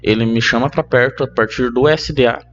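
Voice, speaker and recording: A young man with a Brazilian Portuguese accent, a podcast guest telling a personal story in casual chat, animated and laughing between lines. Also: medium pitch, fairly quick, highs cut off, soft background music. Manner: animated, laughs mid-story, many fillers.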